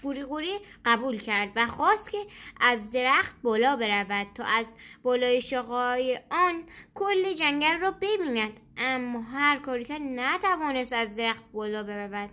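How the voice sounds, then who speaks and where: A woman narrating a bedtime story for children, speaking gently and addressing them directly as host of her podcast. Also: high voice, animated.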